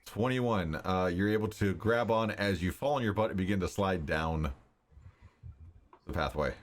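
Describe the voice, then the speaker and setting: A man's voice: low-pitched, normal speed. A man narrating a tabletop game casually as game master.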